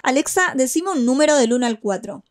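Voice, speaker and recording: A young woman with an Argentine Rioplatense accent, giving playful, animated gameplay commentary as a video host and jumping into silly voices. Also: sits high, a little fast. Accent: Argentine Rioplatense Spanish. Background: game music.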